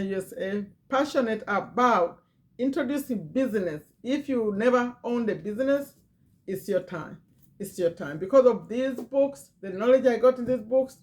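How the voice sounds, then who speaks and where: A middle-aged woman with a non-native English accent speaks in a medium-pitched, slightly mellow voice. She owns a business and hosts a channel in Virginia, USA, chatting casually to the camera while repeating phrases and reading out a list.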